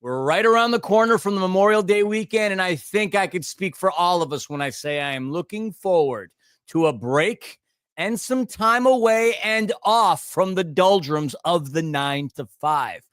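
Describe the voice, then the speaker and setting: A man with a fairly high voice hosts a casual sports talk show. He is upbeat and jokey and full of sports slang. The sound is dry and close, with no room echo. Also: animated, normal speed, fairly bright tone, clear, resonant tone. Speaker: podcast host.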